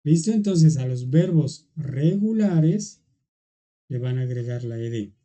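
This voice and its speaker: A patient teacher explaining grammar in an online class, speaking slowly and unhurriedly. The voice is very dark and mellow. They go step by step and keep checking in with the class. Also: medium pitch, animated. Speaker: English teacher.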